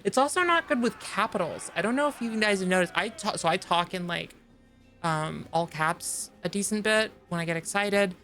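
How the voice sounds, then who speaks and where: Faint music plays behind a woman whose mid-range, fairly bright voice has lively intonation and a moderate pace. She's live-streaming a video game, rambling casually to her chat with many fillers and restarts.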